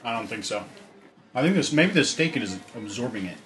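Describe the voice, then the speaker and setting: A man's voice: mid-range voice, lively intonation, brisk, slight background noise. A man joking and teasing his friends during a casual burrito review chat. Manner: teasing, loud outbursts and laughs. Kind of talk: casual food review banter. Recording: echoey room with faint ambience.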